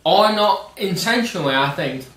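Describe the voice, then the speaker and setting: A co-host of a casual film discussion speaks in a high-sitting, fairly bright voice with lively intonation and a moderate pace. He's opinionated and emphatic and swears casually, and the recording has roomy echo, a distant mic, and faint noise.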